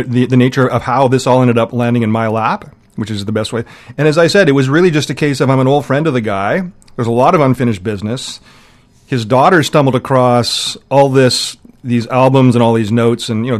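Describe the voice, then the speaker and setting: A man chats as a guest on a college radio show, his mid-pitched voice easygoing and meandering, full of ums and restarts. He sounds like he is in a studio, unhurried and friendly in tone. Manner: relaxed, rambling, halting with fillers. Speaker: radio guest, music countdown curator. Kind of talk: casual radio chat.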